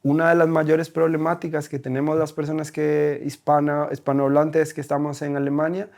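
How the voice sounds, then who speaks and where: A man with a Costa Rican accent, a German teacher talking as a guest in an interview, animated and full of rhetorical questions. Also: fairly high pitch, brisk, creaky. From Costa Rica. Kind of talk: conversational interview.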